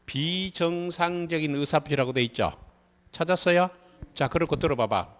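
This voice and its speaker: A man's voice: fairly high pitch, normal speed, long reverb tail. A man with a Gyeongsang Korean accent teaching civil law in a classroom lecture, drilling students with repeated quiz questions. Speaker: civil law instructor for a real estate licensing exam.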